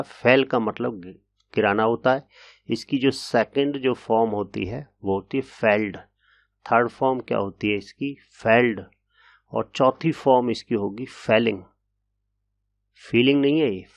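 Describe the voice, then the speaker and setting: A man teaching an English grammar lesson in a patient, explanatory way, often pausing with hesitation fillers. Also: medium pitch, vocal fry, no room sound.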